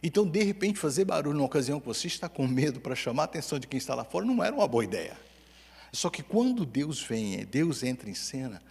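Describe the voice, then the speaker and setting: A Brazilian man preaches in a church hall, his husky voice trailing off into a long reverb. He tells stories with a joking touch, rising loud and then dropping to a hush. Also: mid-range voice. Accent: Brazilian Portuguese. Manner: storytelling with humor, lively swings between loud and hushed. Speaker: pastor. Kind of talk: sermon.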